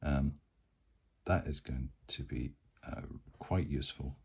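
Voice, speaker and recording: A man from Scotland narrating a solo tabletop game and rolling dice as he goes. His voice sits very low and husky, and his telling rambles, full of fillers and restarts. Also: takes it slowly, darkish tone. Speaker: solo game master and player.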